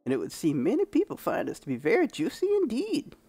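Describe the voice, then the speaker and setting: A man voicing a grizzled old male prospector who leads a frontier town, with a slow, drawling storyteller manner. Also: high-pitched, wildly swooping pitch, mellow, slightly rough, no echo, pitched above the performer's own voice, full character voice. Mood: grim.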